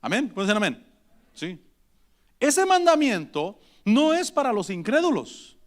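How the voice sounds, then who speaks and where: A male pastor preaching a sermon, calling on the congregation and dropping to a hush for acted prayers. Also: sits high, a little slow. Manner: animated preaching with calls to the congregation; drops to a hushed voice for acted prayers.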